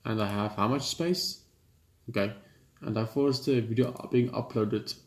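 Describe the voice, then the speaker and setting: Speaking at a normal speed in a lowish voice, a man hosts a let's play, reading the game's text aloud. He adds casual remarks, occasionally trips over a word, and records in an echoey room with game music in the background.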